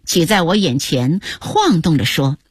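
An older woman tells a family memory on the radio, slow and unhurried, her pitch rising and falling very freely. Her voice is a little husky and sits close and dry. She acts out each scene as she goes. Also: no room sound. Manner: expressive, acts out the story. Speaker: narrator. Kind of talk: memoir storytelling on radio.

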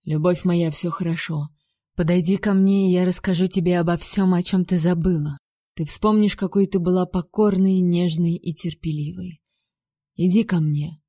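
A woman voicing a domineering, sly male ruler who coaxes softly with menace and barks when angry. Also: mid-range voice, moderate pace, natural voice. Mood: silky, menacing. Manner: soft coaxing menace, barking when angry.

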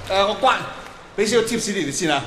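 Crowd noise mixes with the high, lively, fast-paced voice of a middle-aged Hong Kong stand-up performing in Cantonese. He addresses the large arena audience with direct, casual questions, and the sound is echoey, noisy, with long reverb from the PA.

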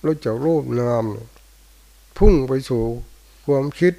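An older male Buddhist monk, giving a dharma talk in short, unhurried phrases with pauses. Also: medium pitch, lively intonation, mellow, poor audio. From Thailand. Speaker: monk teacher. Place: monastery hall after morning chanting.

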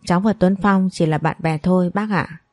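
A woman's voice: fairly low pitch, fairly even intonation, normal speed, dry recording, studio quality, faint music behind, close to an everyday voice. A woman voicing a humble, hesitant young mother. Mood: modest. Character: modest young single mother.

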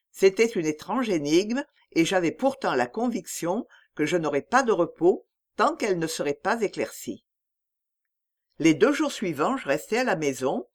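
A woman reading a literary audiobook aloud in a measured, expressive storytelling manner. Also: lowish voice. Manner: measured storytelling, lively intonation. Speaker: audiobook reader.

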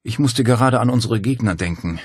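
A man's voice: medium pitch, fairly quick, slightly rough, dry recording, studio quality, pitched above the performer's own voice, lightly acted. A man voicing a determined young woman who speaks urgently and decisively. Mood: tense.

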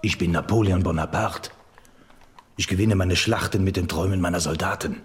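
An actor playing Napoleon, a megalomaniac French emperor, grandiose, imperious and mocking, in a radio drama. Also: male voice, low-pitched, steady tone, fairly quick, a little hiss or hum, natural voice.

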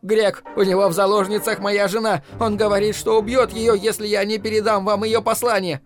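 A man reading an audiobook, voicing a terrified young messenger who pleads in a shrill, panicky voice. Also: unhurried, a little mellow, soft background music, lightly acted. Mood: panicked.

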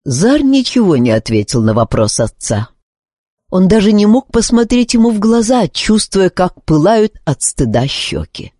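A woman narrating a fantasy novel aloud in an expressive storytelling manner. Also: mid-range voice, unhurried, no echo, studio quality. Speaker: audiobook reader. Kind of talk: scripted narration.

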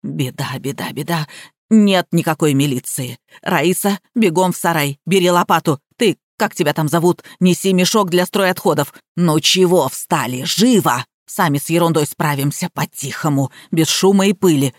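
A woman reading an audiobook, voicing a rude, panicking young man who shouts and blusters. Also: on the low side, moderate pace, hardly any pauses, no echo, studio quality, voice pushed down, close to an everyday voice. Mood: blustering. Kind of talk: audiobook character voice.

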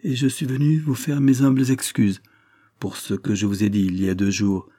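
A man voicing a scheming, spiteful middle-aged housekeeper who pleads with false humility, a bit higher than his own low, husky voice. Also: flat delivery, normal speed, dark tone, close to an everyday voice. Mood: wheedling. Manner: fawning, then triumphant.

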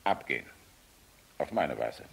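An actor playing a proud, weary, sardonic middle-aged air force general in a radio play, commanding and grave, with deliberate pauses. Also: male voice, very deep voice, big pitch swings, gravelly, a bit bright, husky, exaggerated voice. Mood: grave, subdued. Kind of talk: German radio play acting.

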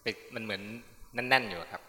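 A man in the audience answering a monk's questions in a quick, halting way. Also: lowish voice, pushed and bright, in a large hall. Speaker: audience member.

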